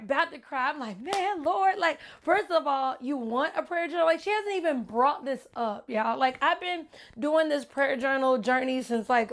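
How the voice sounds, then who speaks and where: A woman vlogger telling a personal story to her viewers in a casual, animated way, often calling them y'all. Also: high voice, a little hiss or hum. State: close to tears. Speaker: vlogger and author.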